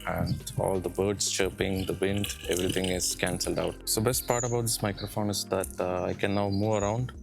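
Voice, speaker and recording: A man's voice: low-pitched, level tone, a little fast, vocal fry, few pauses, over music. A man recording a casual tech review vlog outdoors through a clip-on wireless mic, his voice processed by noise cancellation that leaves artifacts. He talks keenly and directly to the viewer. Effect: noise-cancelled audio with processing artifacts. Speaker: tech vlogger.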